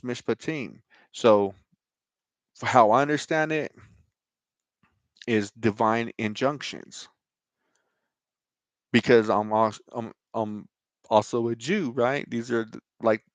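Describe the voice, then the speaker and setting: An American man with a mid-range voice hosts his own online show, recorded dry. He talks to camera about scripture and his personal grievances in an informal, emphatic way, sprinkling in plenty of "right?" and "you know."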